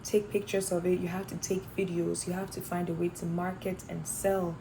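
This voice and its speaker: A woman's voice: on the low side, flat delivery, moderate pace, background noise. A young woman from Ghana, a fashion design student, answering interview questions thoughtfully with some fillers and restarts. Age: young adult.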